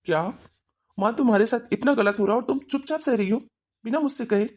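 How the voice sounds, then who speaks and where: A woman voicing a man in his thirties in a cartoon, a son and husband who scolds sternly and loudly. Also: fairly high pitch, a little fast, natural voice. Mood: angry.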